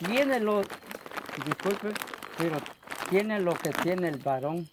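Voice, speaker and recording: A man with a Salvadoran accent tells a spooky story around a campfire, acting out his own words in a lively way. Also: sits high, takes it slowly, noisy background. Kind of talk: casual storytelling. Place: outdoors by a campfire.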